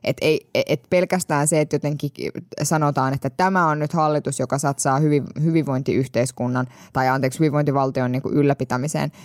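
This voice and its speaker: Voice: mid-range voice, fairly even intonation, few pauses, no echo, studio quality. A participant in a casual policy discussion, speaking reflectively in long, winding sentences full of fillers.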